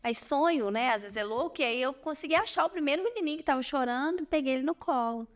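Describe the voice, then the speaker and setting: Young woman, high-pitched, earnest personal testimony. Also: lively intonation, quick pace. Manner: earnest storytelling, addresses listeners as "gente". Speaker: podcast guest.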